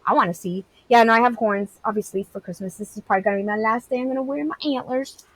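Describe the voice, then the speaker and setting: This woman in her thirties streams games and talks loosely with her chat, answering viewers in a frank, meandering way packed with "like." She speaks fast in a fairly high, slightly bright voice, and the audio quality is poor.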